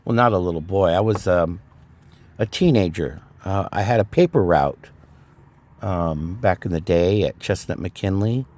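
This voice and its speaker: A man's voice: deep voice, unhurried, darkish tone. A middle-aged man from California casually telling a personal ghost story, rambling with fillers and restarts. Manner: rambling, frequent fillers and restarts, laughs at himself.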